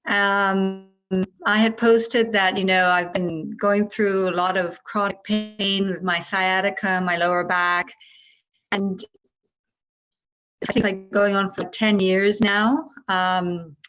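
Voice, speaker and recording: A woman's voice: medium pitch, a bit bright. A woman from the Bahamas introducing herself on a video call, hesitant, with many fillers. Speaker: guest. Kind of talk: casual self-introduction. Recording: dull video call audio with faint music.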